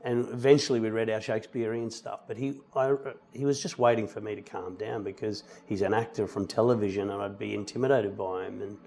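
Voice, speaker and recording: A middle-aged man talks as a guest in a relaxed interview. He tells anecdotes in an easy, conversational way, slipping into little voices for the people he quotes. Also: fairly low pitch, fairly quick, creaky, hardly any pauses. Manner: animated storyteller, acts out quoted lines. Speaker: musical theatre actor, guest. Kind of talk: casual interview chat, telling anecdotes.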